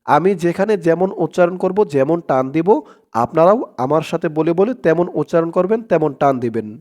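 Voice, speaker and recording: A man's voice: on the high side, expressive, a little fast, darkish tone. A man teaching prayer recitation, spelling it out syllable by syllable and drawing out the Arabic words. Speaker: Quran teacher.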